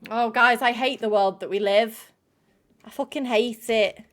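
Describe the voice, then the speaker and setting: With a fairly high voice, fairly bright and evenly intoned, a livestream host speaks unhurriedly to her viewers. Her casual chatter is full of "like" and free swearing.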